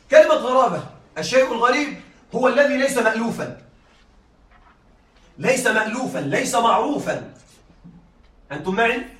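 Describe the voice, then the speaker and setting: A man with an extremely high, slightly bright voice teaches Arabic rhetoric in a classroom lecture. He explains things step by step and often checks that his students are following. The room is echoey and his voice sounds far away.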